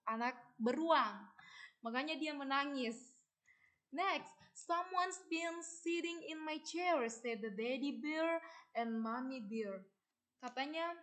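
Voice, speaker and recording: High-voiced, slow teacher woman reading a storybook. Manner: quizzing listeners, translating each phrase; drawn-out, emphatic reading. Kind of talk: bilingual storybook lesson.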